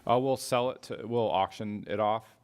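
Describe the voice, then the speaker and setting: A man who works as a municipal department official, informally explaining matters at a meeting with halting, hesitant phrasing. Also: on the low side, a little mellow, clear, resonant tone.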